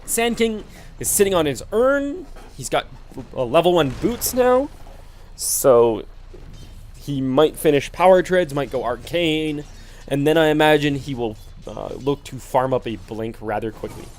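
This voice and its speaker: A man's voice: a little high, lively intonation, unhurried, darkish tone, a little hiss or hum. A man commentating a video game match alone, laid-back and explanatory with many fillers, sleepy and yawning. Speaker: esports commentator. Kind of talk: solo play-by-play game commentary.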